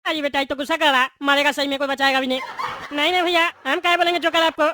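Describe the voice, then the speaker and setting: A woman's voice: high-pitched, fairly even intonation, quick pace, bright, forceful tone, no room sound. A woman voicing a bald male politician in jail, boastful but cowardly, in a comedy sketch. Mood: fawning. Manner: blustering then fawning.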